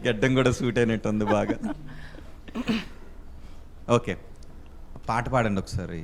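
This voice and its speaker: A man's voice: on the low side, normal speed, crowd noise. A man interviewing a couple, playful and prodding them to sing and act. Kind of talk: light-hearted interview.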